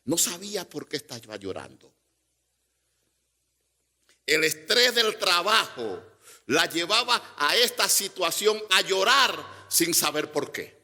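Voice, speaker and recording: A man's voice: high-pitched, sing-song, takes it slowly, pushed and bright. A man preaching a sermon as pastor, pressing his points with emphatic rising repetitions.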